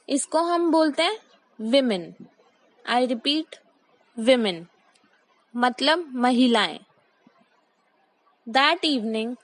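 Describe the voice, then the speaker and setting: A young woman with a high voice teaches English pronunciation, switching between Hindi and English. She speaks slowly and carefully, repeating each word and saying example sentences at a deliberate pace. The recording is dry and close, with no room sound. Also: dry recording, low-quality recording. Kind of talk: explanatory lesson mixing Hindi and English.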